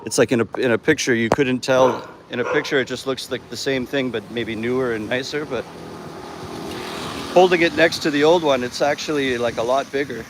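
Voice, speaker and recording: A man's voice: mid-range voice, brisk. A man talking casually while walking and livestreaming on a phone, rambling with fillers and restarts. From Canada. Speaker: vlogger and host. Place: outdoors on a busy roadside. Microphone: phone held while walking. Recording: phone audio with loud traffic. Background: passing vehicles and street noise.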